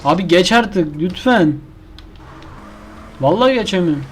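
Gaming commentator, male, higher pitch, frustrated self-talk, slight background hiss. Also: lively intonation, a little slow. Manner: exasperated, complaining, talks to himself and the game. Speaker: gaming YouTuber. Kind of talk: casual gameplay commentary.

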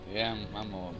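A man in his forties chatting casually with a teammate during an online game, easygoing and calling people bud and dude. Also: lowish voice. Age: 40s. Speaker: gaming YouTuber. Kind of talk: casual voice chat while gaming. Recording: loud background noise.

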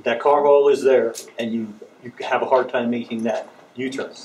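A man's voice: mid-range voice, steady tone, moderate pace, darkish tone, slight background noise. A man from the audience at a town hall, raising a detailed, persistent complaint about a turn with wry humor. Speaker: resident asking questions. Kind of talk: public comment at a town hall. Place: meeting room, indoors.

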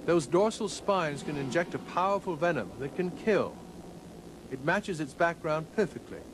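A man narrating a scripted nature documentary in a measured, formal storytelling manner. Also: a little high, expressive, background noise. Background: background music.

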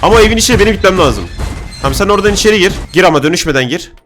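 A young man rattles through his gameplay at a quick clip, joking and yelling at the characters on screen. His voice sits a little high. Game music plays steadily under him. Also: expressive. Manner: loud, jokey, shouting at game characters. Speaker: gaming YouTuber. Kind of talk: excited let's-play commentary.

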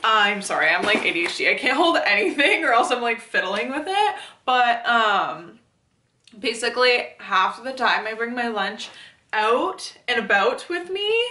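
A young woman rambles through a casual vlog in a bright, slightly high voice, dropping the odd swear word. She talks to a nearby camera in a small, echoey bedroom with a faint hiss in the background. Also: very animated, moderate pace, far from the mic. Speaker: fitness vlogger. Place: small bedroom, then inside a parked car.

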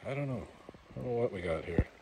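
A man's voice: mid-range voice, expressive, fast, gravelly. A man vlogging outdoors on a river trip, thinking aloud in an unsure, musing way as he tries to identify rocks. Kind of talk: casual outdoor commentary. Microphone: action camera mounted on a kayak. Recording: running water noise outdoors.

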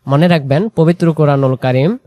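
A man teaching Quran reading, drawing out example words slowly and then explaining quickly, asking and answering his own questions. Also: on the high side, darkish tone, no room sound. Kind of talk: explanatory lesson.

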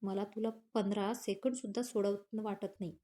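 A woman's voice: medium pitch, fairly even intonation, normal speed, mellow, close to an everyday voice. A woman reading the part of a playful, sulky young husband who pleads with his wife.

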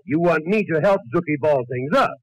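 A man's voice: fairly high pitch, animated, fairly quick, no echo, muffled recording, lightly acted. A man playing a grumbling, wisecracking older uncle in a 1940s radio comedy. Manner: dry, sarcastic quips.

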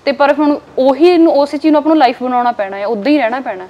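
A woman's voice: sits high, fairly even intonation, muffled recording. A young woman from Punjab in India, speaking frankly as a guest in a casual interview and filling her talk with small tag words. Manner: quick, frank and plain-spoken, with many filler tags.

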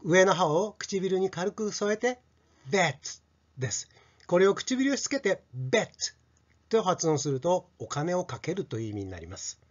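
A middle-aged man teaching pronunciation to children, stretching out each sound slowly as he demonstrates it, on a dull lo-fi recording. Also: high voice, very animated, a little mellow. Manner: slow, drawn-out sound demonstrations. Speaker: English teacher.

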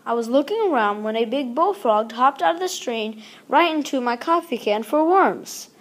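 This storybook reader has a high-pitched voice and moves at a moderate pace through a children's picture book. She reads with animation, acting out every exclamation and line of dialogue.

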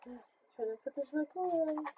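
A woman's voice: sits high, animated, takes it slowly, slight background noise. Young woman talking through a face mask. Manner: hesitant, lots of fillers and soft laughs. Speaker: content creator. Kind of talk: casual vlog update. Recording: tinny phone-like sound.

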